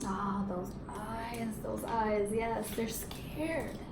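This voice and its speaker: Drawing out her words in a slightly high, level tone, a woman reads a storybook aloud to her young pupils as their teacher. She does it expressively, prompting them with questions and affirming their answers. The recording is echoey, with faint background noise.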